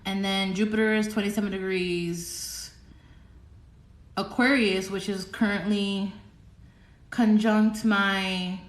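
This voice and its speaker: A young woman giving a casual livestream tarot reading, chatty and excitable, rambling with giggles. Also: medium pitch, slow pace, pauses often, reverberant. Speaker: tarot reader.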